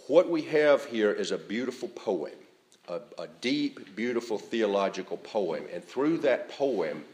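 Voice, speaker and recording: A man preaching a sermon, speaking in a measured, conversational way with frequent fillers and restarts. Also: on the low side, big pitch swings, darkish tone. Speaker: pastor.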